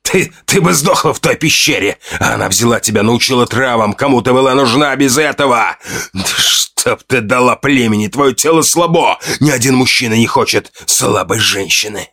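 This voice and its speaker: Give me a man playing a furious injured young tribesman who yells at a high pitch. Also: lively intonation, moderate pace, slightly rough, heavily acted. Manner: shouting, shrill.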